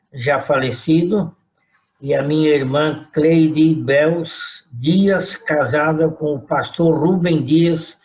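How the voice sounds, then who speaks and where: A man in his eighties from São Paulo, with a Paulistano accent, recalling his family history slowly and deliberately in an interview. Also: on the high side, darkish tone, highs cut off. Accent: Paulistano Brazilian Portuguese. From São Paulo, Brazil. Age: 80s. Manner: slow, deliberate recollection. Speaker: retired pastor.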